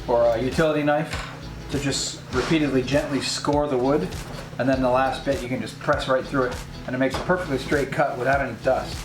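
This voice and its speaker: Man, mid-pitch, casual DIY vlog host, self-deprecating, talks through his steps; echoey garage, music underneath. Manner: chatty and self-deprecating, explains steps as he works. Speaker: host of a DIY project channel. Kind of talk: casual workshop vlog narration. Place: home garage workshop.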